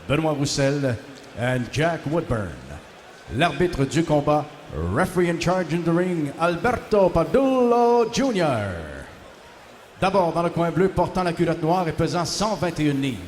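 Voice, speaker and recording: A man working as a boxing ring announcer, formally introducing fighters in French and English and stretching out names. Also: fairly high pitch. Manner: bilingual, switching between French and English. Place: large indoor boxing arena, over the PA. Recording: echoey arena sound with faint noise.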